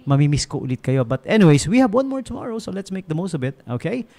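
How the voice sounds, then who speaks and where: A man's voice: a little high, very animated, fast talker, mellow. A man with a Filipino accent, a radio DJ telling jokes on a late-night show in a studio and signing off, switching between Tagalog and English and laughing at his own jokes. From Philippines.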